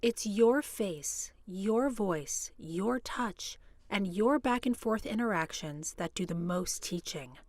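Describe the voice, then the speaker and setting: Woman doing a calm scripted explainer, dry close sound, middle pitch. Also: slow, no room sound. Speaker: hospital staff presenter. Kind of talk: scripted educational narration.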